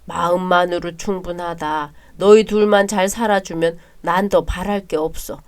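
A woman voicing an older widowed father-in-law who speaks slowly, wearily and with resignation. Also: on the low side, steady tone, lightly acted. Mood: weary.

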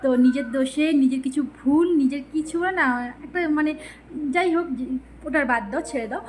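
A woman's voice: high-pitched, a little fast, a little hiss or hum. A woman talking casually to her viewers, rambling and chatty with many fillers and restarts. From West Bengal, India. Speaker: lifestyle vlogger.

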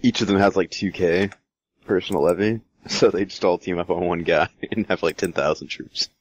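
Deep voice dude goofing around with his buddy while they play. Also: fairly even intonation, normal speed, dull audio. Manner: joking, teasing banter. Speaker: co-op player. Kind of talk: casual gameplay chat.

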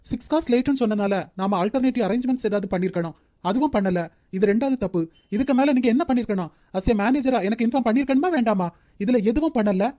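A strict young cartoon manager, as a woman voices him, lecturing at a quick clip. The tone is dark and mellow, and the sound is close and dry with no room around it. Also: a little high, no echo, lightly acted. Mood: stern scolding. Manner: brisk, lecturing. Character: young male company manager, strict and demanding. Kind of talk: Tamil cartoon dub.

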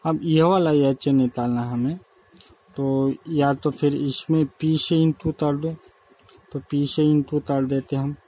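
A man's voice: a little high, steady tone, unhurried, warm tone, poor audio. A man teaching a technical drawing lesson, working sums aloud step by step, asking his own questions and answering them, and correcting his slips as he goes. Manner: talks through arithmetic aloud, corrects himself. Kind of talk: slow explanatory lesson.

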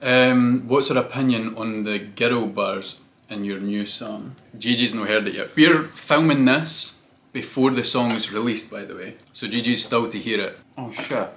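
A chatty young man talks loosely to camera and drops slang as he goes. His voice has a bright, forward edge and sits at an ordinary middle pitch. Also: a little slow. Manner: chatty, loose, uses slang like mate and innit. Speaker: vlogger. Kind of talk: casual chat.

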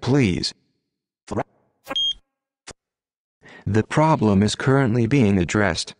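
Snarky monotone computer bot guy, played by a man, low voice, dry close sound. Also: dry recording, close to an everyday voice. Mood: flustered. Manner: sarcastic, mock-formal. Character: sarcastic male AI blogger bot living in the cloud. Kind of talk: comedic scripted monologue.

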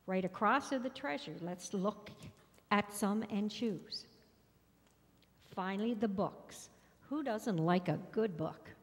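A woman's voice: medium pitch, slow. A middle-aged woman reading a prepared announcement at a church podium microphone, cheerful with rhythmic lists. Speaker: fair organizer. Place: large church sanctuary. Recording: long reverb in a church hall.

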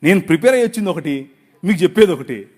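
A middle-aged man preaching a sermon in a high, restless voice that rises and falls sharply. He swings from loud, pleading outbursts to hushed, confiding asides. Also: animated, racing. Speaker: pastor.

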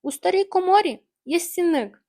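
A woman voicing a clever, helpful farm dog in a bedtime storybook, quick and keen. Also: very high-pitched, expressive, mellow, voice pushed up.

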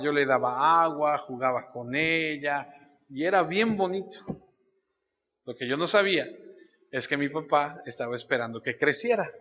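Male pastor, sermon; high bright voice, storyteller who quizzes the congregation; dull lo-fi sound in a long-reverb church hall. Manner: storytelling, addresses listeners directly with questions.

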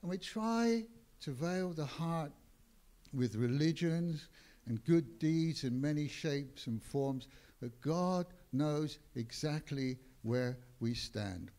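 A pastor preaches a sermon in a church, his voice a little high and animated. His delivery is deliberate, swelling and dropping in loudness for emphasis.

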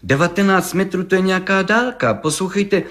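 A man's voice: high-pitched, a bit bright, voice pushed up. A man voicing a doubtful district judge who answers in a hesitant, incredulous way. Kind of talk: audiobook reading.

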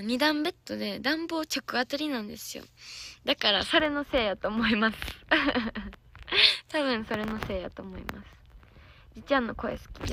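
A hoarse young woman with a Kansai accent, an idol trainee giggling and chatting casually with viewers on a livestream from a soundproof room. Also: on the high side, sharp tone, no echo. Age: young adult.

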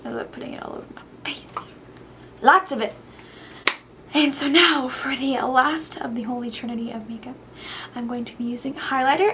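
A woman's voice: a little high, creaky, bright, forceful tone, slight background noise. A young woman doing a chatty, gushing makeup tutorial vlog, sounding a little tired. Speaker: beauty vlogger.

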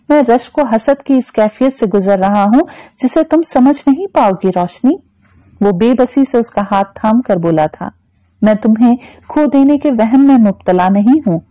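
A tired, lovesick grown man who speaks softly and haltingly, as a woman reads him aloud. The voice sits fairly high and mellow, on a dull, dry recording. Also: dry recording. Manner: soft and faltering.

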